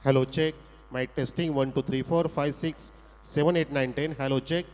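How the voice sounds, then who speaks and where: A man's voice: mid-range voice, fairly even intonation, brisk. A male cricket commentator speaking over a PA system at an outdoor ground, with a formal, flowery announcer delivery that rises sharply on big shots. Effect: heard over a PA system. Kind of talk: live local cricket commentary. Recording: long echo from a loudspeaker PA.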